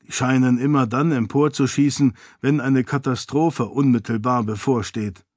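A man's voice: medium pitch, steady tone, moderate pace, darkish tone, no room sound, studio quality, lightly acted. A man reading an audiobook, voicing a fond, worried king who talks to his daughter in a fatherly way. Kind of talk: audiobook character voice.

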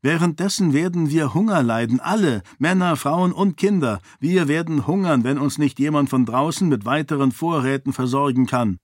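A male audiobook narrator voicing an earnest, urgent young prince, somewhat higher than his usual voice. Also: normal speed, few pauses, dry recording, studio quality, natural voice. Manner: urgent, forced gruffness at times. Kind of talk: audiobook character voice.

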